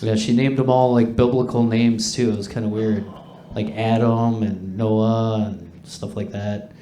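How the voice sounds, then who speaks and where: A man performing stand-up comedy to a live audience, with a crude, profane, conversational delivery and dark jokes. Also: on the low side, level tone, measured pace, slight background noise. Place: indoor pub comedy stage. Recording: echoey live comedy room.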